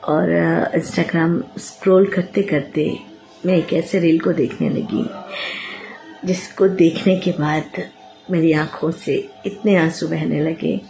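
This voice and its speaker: एक महिला वीडियो में कैमरे से सीधे बात कर रही है, भावुक और परेशान है, और बार-बार अटककर, 'अ' कहकर और शब्द दोहराते हुए बोलती है।. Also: female voice, deep voice, steady tone, slow, creaky, mellow, soft background music. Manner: hesitant, many fillers and restarts. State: upset and emotional. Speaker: vlogger. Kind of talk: emotional talk to camera. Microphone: phone or camera facing her.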